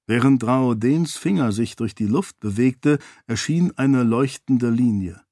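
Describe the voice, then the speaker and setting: A man reading an audiobook as narrator, with steady, measured narration. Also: medium pitch, no echo, clean studio sound. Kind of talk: scripted narration.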